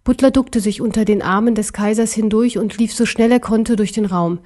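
A woman narrating a children's fantasy audiobook in a calm, measured storytelling manner. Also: medium pitch.

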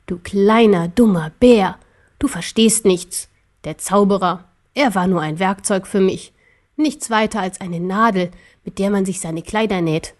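A woman voicing a cruel ancient male emperor in a young man's body, talking slowly and with menace. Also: mid-range voice, a little mellow, close to an everyday voice. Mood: sneering. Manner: slow, menacing, sneering.

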